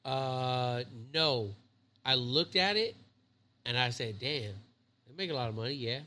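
Co-hosting a podcast, a Navy chief in his thirties spins profane, meandering stories in relaxed conversation. His mid-range voice sounds pushed and bright, a little slow, with lively intonation.

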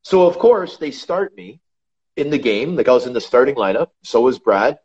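A man's voice: medium pitch, normal speed. A man guest on a podcast, casually telling stories about his ice hockey career and calling the host brother. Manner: animated, calls the host brother. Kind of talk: casual interview storytelling. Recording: slightly dull lo-fi sound.

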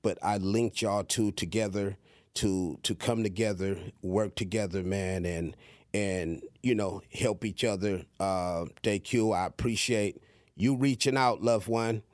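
Hosting a casual podcast interview, a warm-hearted man encourages his guests, often repeating words and restarting sentences. His fairly low voice moves at a measured pace on a dry recording.

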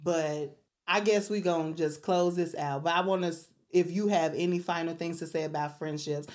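Low-voiced woman hosting a podcast. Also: fairly even intonation. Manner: warm, churchy exclamations and slow mantra reading. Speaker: podcast host. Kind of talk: casual podcast chat.

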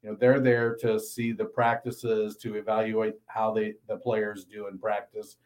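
A man co-hosting a football podcast, reading an ad and then talking through prospects in a measured, analytical way. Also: lowish voice, completely flat delivery, darkish tone, low-quality recording. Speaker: podcast co-host. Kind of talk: casual sports talk and ad read.

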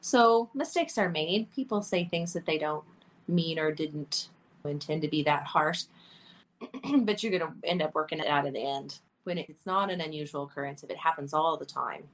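A woman co-hosts a podcast in candid, conversational talk, speaking earnestly and often breaking into laughter. Her voice is low and her speed normal, though the recording is rough.

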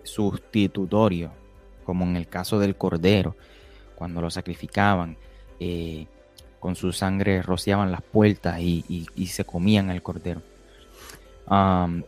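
Man, very low voice, measured scripture talk, repeats words, faint music behind. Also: darkish tone. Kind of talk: conversational Bible teaching.

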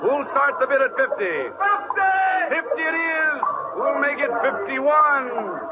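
An actor playing a brash market auctioneer with booming, hard-selling patter, in an old radio drama. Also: male voice, lively intonation, measured pace, very noisy, full character voice. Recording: muffled radio recording, music and crowd.

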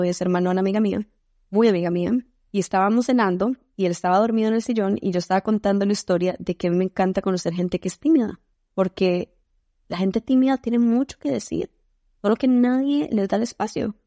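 A Costa Rican woman guesting on a podcast, her voice mellow and dark rather than bright. She tells stories with animated, expressive swings and laughs along the way. The recording is close and dry, with no room sound. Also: mid-range voice, dry recording. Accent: Costa Rican Spanish. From Costa Rica. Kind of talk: casual interview chat.

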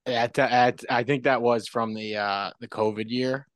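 A man, a guest sportswriter, chatting casually on a podcast in a relaxed, rambling way with frequent restarts. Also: mid-range voice, a little slow, no echo.

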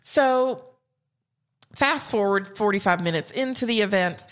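A woman's voice: medium pitch, a little slow. A woman with a Southern US accent, telling a humorous story in casual podcast chat. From South Carolina and Georgia. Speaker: podcast co-host.

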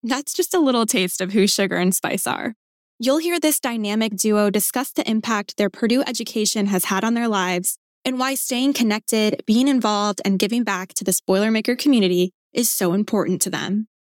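A woman's voice: medium pitch, moderate pace, no echo, studio quality. A woman hosting an alumni podcast, reading scripted introductions and asking questions in an upbeat, inviting way. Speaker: podcast host. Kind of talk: scripted narration and interview.

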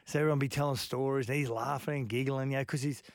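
An Australian man hosting a sports radio show, telling stories in casual chat and breaking into excited live calls. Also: medium pitch, fast, no echo, studio quality. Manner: storytelling, bursts into excited live call. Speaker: radio host.

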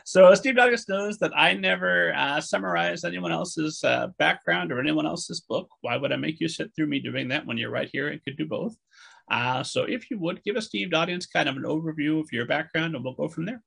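A man's voice: a little high, a little fast, vocal fry, a bit bright, breathy edge. A man hosting a podcast interview, jokey and upbeat, with casual fillers. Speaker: podcast host.

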